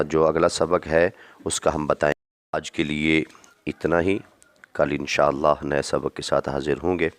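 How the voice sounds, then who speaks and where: A man teaching Quran reading, calling out each letter long and loud, then explaining it softly. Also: very deep voice, no echo. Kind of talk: recitation lesson.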